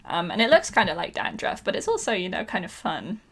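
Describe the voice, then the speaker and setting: A woman's voice: lowish voice, sing-song, fairly quick, a bit bright, breathy edge. Playful woman. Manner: playful, frequent ums and laughs. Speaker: podcast co-host. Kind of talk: casual chat.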